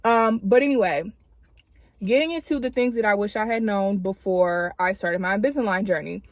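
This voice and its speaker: A woman's voice: mid-range voice, normal speed, no echo. Woman doing a chatty vlog w retainers in her mouth, slightly impeded speech, slangy, dry close sound. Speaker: video creator addressing subscribers. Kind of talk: casual chatty vlog talk to camera.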